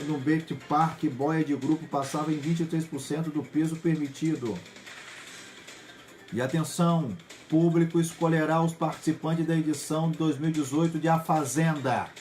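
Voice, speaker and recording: A Brazilian man hosts a news program, rattling off headlines one after another in a brisk, matter-of-fact read. His voice sits a little higher than most men's, and light music plays underneath. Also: darkish tone. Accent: Brazilian Portuguese. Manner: brisk headline delivery with small slips. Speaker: news host.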